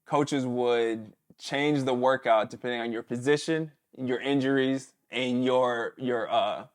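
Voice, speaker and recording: A man in his thirties, a former pro football player, telling stories in a casual interview and sometimes mimicking his coach's shouts. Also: mid-range voice, fairly even intonation, unhurried.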